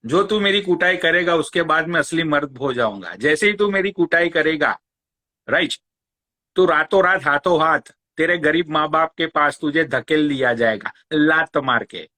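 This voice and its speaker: A man's voice: fairly high pitch, bright, forceful tone. A man hosting a live stream, ranting sarcastically and taunting a rival, swearing often. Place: Long Island, New York.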